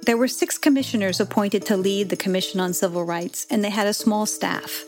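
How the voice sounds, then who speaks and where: A woman hosting and narrating a documentary podcast in a measured, clear storytelling manner. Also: medium pitch, fairly even intonation, faint music behind. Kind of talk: scripted narration.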